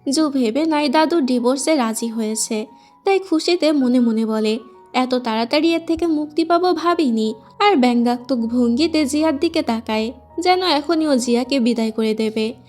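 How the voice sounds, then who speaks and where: A woman narrating a drama recap as a story, reading the characters' lines in her own voice with brisk storytelling. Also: high voice, a little mellow. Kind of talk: scripted story narration with quoted dialogue. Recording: faint background music.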